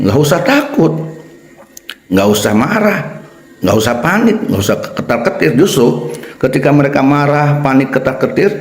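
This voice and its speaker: A male Islamic cleric giving a religious lecture, emphatic, hammering his points by repetition with sudden high-pitched bursts of stress. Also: darkish tone. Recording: echoey room.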